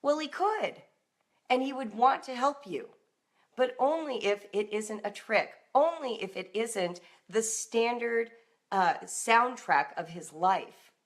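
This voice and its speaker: Hosting a live broadcast, this middle-aged American parenting and homeschool coach speaks slowly and expressively in a voice on the high side. She addresses parents directly and emphatically, keeping the talk informal and conversational.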